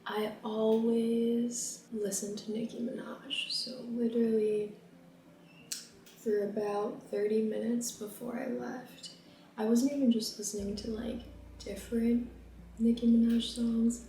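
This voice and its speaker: Her voice is on the high side, mellow and level, a little slow, with slight hiss or hum in the audio. Cooking in a roomy kitchen, the young woman chats casually for her vlog, rambling with lots of fillers, captured from a distance.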